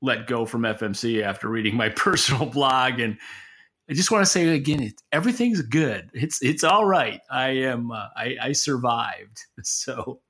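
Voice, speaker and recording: Co-hosting a podcast, a middle-aged American man talks markets off the cuff in a casual, rambling, stop-start, plain-spoken style. His mid-range voice is fairly bright, with lively intonation and a moderate pace.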